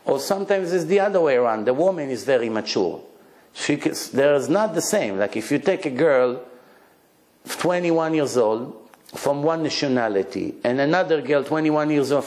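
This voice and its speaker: A man whose first language is Hebrew, speaking with an Israeli accent, gives a lively religious lecture to an audience in a fairly high, slightly mellow voice with animated intonation and a brisk pace, in a reverberant space. He is blunt and emphatic, using short punchy phrases and rhetorical questions.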